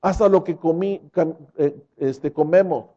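A man preaching a sermon, slowing down and rising for dramatic quotes. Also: a little high, mellow, muffled recording.

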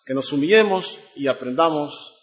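A man with a somewhat high voice delivers a sermon, pausing over scripture and pressing the congregation with pointed rhetorical questions. The recording is muffled and lo-fi. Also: animated. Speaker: preacher.

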